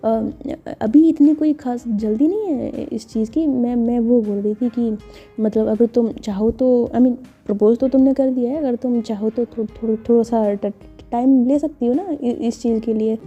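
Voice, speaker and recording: A woman's voice: a little high, fairly even intonation, moderate pace, husky, dull audio, soft background music. A woman voicing a nervous young woman in love who stammers and keeps repeating herself, in a told story. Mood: flustered.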